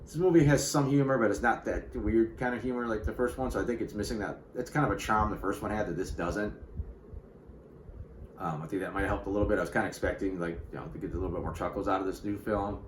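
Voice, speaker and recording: A man's voice: on the low side, fast talker. A man giving a casual, rambling spoken movie review, full of fillers and restarts. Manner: rambling, filler-heavy, frequent restarts and "you know". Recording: roomy with faint background hiss.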